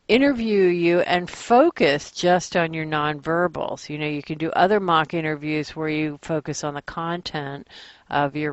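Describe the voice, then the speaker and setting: A woman's voice: sits low, no echo, highs cut off. A woman instructor giving a recorded class lecture, talking conversationally with frequent ums and uhs.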